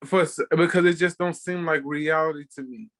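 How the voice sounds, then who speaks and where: Speaking briskly with a slightly high, bit bright voice, a chef in his thirties from Texas, USA, tells casual personal stories as a podcast guest. His intonation stays fairly even.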